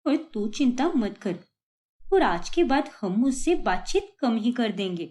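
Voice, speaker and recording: Lady doing a calm big sister in a cartoon, resolute, lively tone. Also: fairly high pitch, measured pace. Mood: soothing. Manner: soothing, resolute. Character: young elder sister, calm and determined. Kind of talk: cartoon voice acting.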